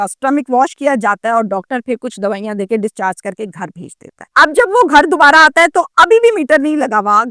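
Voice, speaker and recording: A woman's voice: on the high side, fairly bright tone, dry recording, clean studio sound. A woman, telling a story as a commentator in a dramatic way, with many rhetorical questions.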